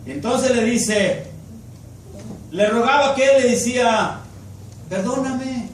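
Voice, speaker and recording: A man's voice: extremely high pitch, unhurried. A man preaching a sermon in Spanish with an emphatic, repetitive cadence. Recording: echoey and distant with faint noise.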